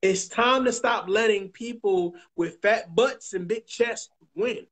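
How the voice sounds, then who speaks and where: A man with a high, fairly bright voice hosts a talk-show podcast in an emphatic, preachy manner. He swears and repeats his points slowly.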